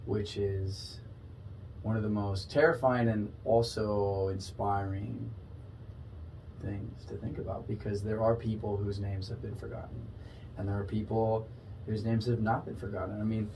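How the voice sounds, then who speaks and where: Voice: medium pitch, level tone, unhurried, dark tone, far from the mic, slight background noise, poor audio. A podcast host in a studio, musing aloud in a rambling way with lots of fillers, then asking the guest questions. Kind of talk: casual interview chat.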